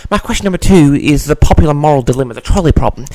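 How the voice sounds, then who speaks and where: An animated, higher-voiced man hosts an audio log, reading audience questions aloud and answering them casually. He talks rapid-fire in a theatrical, mock-grand manner, addressing listeners as "audience," with no room sound on the recording.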